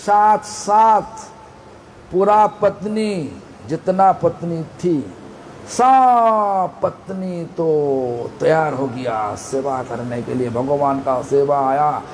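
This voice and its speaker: Slow, emphatic man giving a sermon. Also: fairly high pitch, slight background noise, rough recording. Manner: emphatic, repetitive phrasing, asks the listeners direct questions. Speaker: spiritual teacher. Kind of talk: devotional storytelling sermon.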